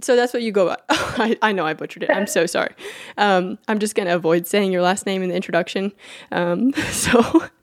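Her medium-pitched voice moves fairly quickly as she reads a scripted podcast intro and announcements before chatting casually with a guest. The woman is talkative and quick to laugh or apologize, and the recording is dry and studio quality.

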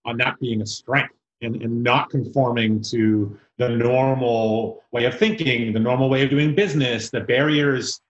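A man from South Africa hosting an interview podcast, talking reflectively and haltingly, with repeated words. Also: mid-range voice, fairly even intonation. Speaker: podcast host. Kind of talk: casual interview chat. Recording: roomy, dull sound.

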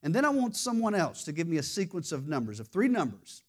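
A woman's voice: lowish voice, very animated, fast, husky. A woman teaching a church lesson in a conversational way, often restarting and repeating words, and quizzing her listeners. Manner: quizzes the audience with questions. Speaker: Bible study teacher.

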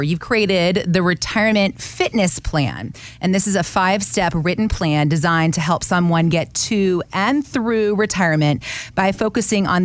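A woman hosting an interview about financial planning, upbeat and quick to laugh. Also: fairly low pitch. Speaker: host.

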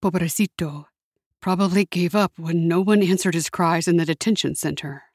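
A caring middle-aged uncle, gentle and serious in his speech, voiced by a woman. The reading stays close to her own voice, and it is recorded dry with no room echo. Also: lowish voice, moderate pace.

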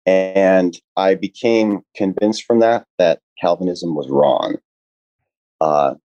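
Deep-voiced young man, muffled and halting. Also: mellow, no echo. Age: young adult. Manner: earnest, halting, many "uh" and restarts. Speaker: podcast guest. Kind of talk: casual podcast conversation.

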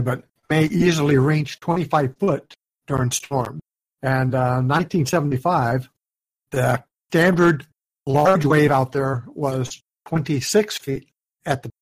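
A man co-hosting a podcast, chatting casually and explaining with a few fillers. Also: medium pitch. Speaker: podcast co-host. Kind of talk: casual chat.

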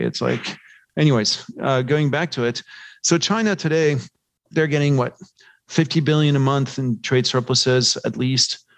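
In a dry recording, an investment research analyst guesting on a podcast speaks in a creaky, mid-range voice. His financial commentary is conversational and wandering, sprinkled with rhetorical questions.

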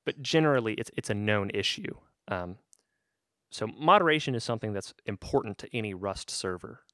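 A man's voice: lowish voice, expressive, brisk, fairly bright tone, no room sound, studio quality. A man co-hosting a podcast, explaining at an easy pace with lots of ums and restarts. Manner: easygoing, explains at length with fillers and restarts. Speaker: podcast co-host. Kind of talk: casual gaming chat.

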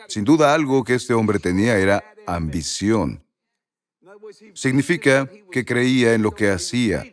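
A man preaching a sermon, reading scripture slowly and repeating words for emphasis. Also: medium pitch.

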